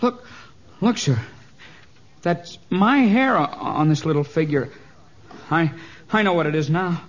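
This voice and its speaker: A small, superstitious club steward in a vintage radio drama. He stammers and frets, his husky voice jumping around in pitch. The recording is muffled and lo-fi. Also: lively intonation, measured pace. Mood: frightened. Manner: stammering, anxious, polite. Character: timid little club steward, frightened and superstitious. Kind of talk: 1940s radio acting. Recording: dull lo-fi old radio recording.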